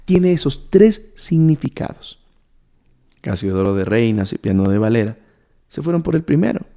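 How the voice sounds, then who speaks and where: A man delivers a sermon-style Bible lesson in a warm, dark voice that sits at an ordinary pitch. He teaches by questioning his audience and returning again and again to the same words. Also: big pitch swings, moderate pace, vocal fry. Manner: asks the listeners questions and repeats key words.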